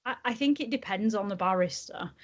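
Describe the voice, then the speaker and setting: A young woman with a broad Yorkshire accent, explaining things in a casual podcast interview with frequent ums and pauses. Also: medium pitch. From Yorkshire, England. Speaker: junior barrister, podcast guest.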